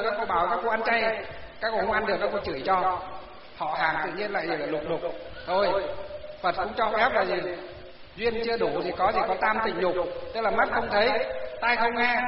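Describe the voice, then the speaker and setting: High-voiced man preaching. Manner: keeps posing rhetorical questions and answering them himself; questions audience members directly. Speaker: Buddhist preacher. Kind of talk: sermon to a live audience. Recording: roomy hall reverb, dull lo-fi sound.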